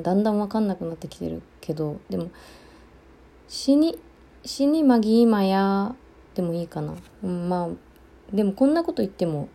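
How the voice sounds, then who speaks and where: A woman from Okinawa hosting a solo podcast, chatting casually with many fillers and pauses. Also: lowish voice, mellow. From Okinawa, Japan. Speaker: podcast host.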